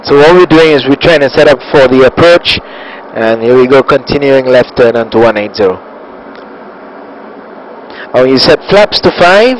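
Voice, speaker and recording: A man coaching live as a flight simulator instructor, giving short, calm, encouraging step-by-step instructions. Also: mid-range voice, rough recording. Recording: steady cockpit-like background noise.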